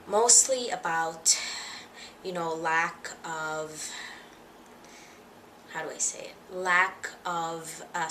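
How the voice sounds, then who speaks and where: A woman's voice: fairly low pitch, pushed and bright, a little hiss or hum. A young woman from the Dominican Republic talking casually to camera in a vlog, hesitant and a little nervous, with many fillers. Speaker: vlogger.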